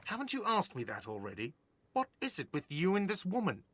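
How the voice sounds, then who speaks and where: An actor playing a whiny, irritable middle-aged cafeteria manager in a video game. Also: male voice, sits high, huge pitch swings, a little fast, a bit bright, exaggerated voice. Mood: irritated. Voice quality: whiny, defensive.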